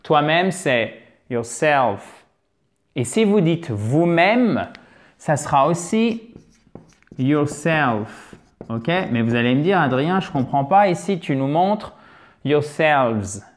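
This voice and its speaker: A man teaching an English lesson on video, lively and emphatic, often addressing his viewers as dear friends. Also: fairly high pitch, measured pace.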